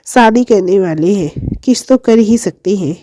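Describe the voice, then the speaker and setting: A woman voicing a calm young husband who speaks softly and patiently. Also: mid-range voice, unhurried, dry recording, clean studio sound, lightly acted.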